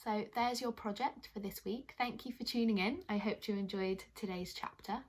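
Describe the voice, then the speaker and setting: This woman's voice is mid-range and steady, moving at a moderate pace. As host of a children's puppet show, she tells stories and speaks encouragingly, directly to the young audience.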